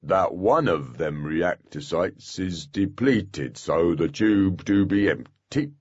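A man voicing a huge, dim-witted male pixie guard who speaks in a very slow, proud, ponderous way. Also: low voice, lively intonation, slightly rough, no echo, muffled recording, full character voice.

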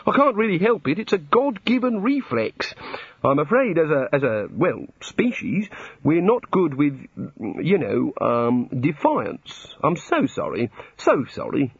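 Man playing a fretful high-pitched old god. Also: big pitch swings, a little slow, breathy edge, no echo, highs cut off, exaggerated voice. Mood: flustered, apologetic. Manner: hesitant, flustered, rambling apologies. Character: fretful, apologetic, testy bearded old god, eagerly curious.

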